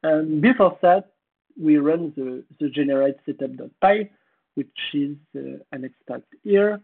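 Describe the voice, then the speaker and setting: A man with a French accent and a hoarse voice, giving a technical conference presentation in a halting way, pausing to search for words. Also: a little high. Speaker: conference speaker. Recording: tinny phone-like audio.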